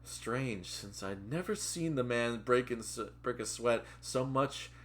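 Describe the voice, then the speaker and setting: A man's voice: medium pitch, expressive, a little slow. A man reading a story aloud, mocking the writing with sarcastic asides and swearing. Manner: sarcastic, interrupts the text with jokes and swearing. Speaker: reader and commentator.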